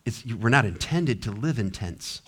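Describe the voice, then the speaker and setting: A man's voice: lowish voice, animated, moderate pace, slightly rough. A man preaching a sermon as pastor, emphatic, his voice rising and dropping sharply. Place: church sanctuary.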